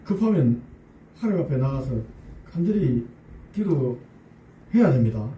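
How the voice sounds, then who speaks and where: Lively man preaching in an echoey church. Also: medium pitch, measured pace, a little hiss or hum. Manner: lively and conversational, with rhetorical questions to the congregation; humorous asides. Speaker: pastor. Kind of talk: sermon. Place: church sanctuary. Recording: echoey church room, voice picked up from a distance.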